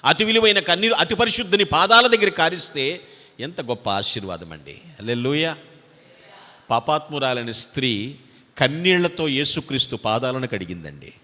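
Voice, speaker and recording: A male pastor delivering a sermon, swinging between loud exhortation and quiet asides. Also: on the high side, expressive, moderate pace. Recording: reverberant hall.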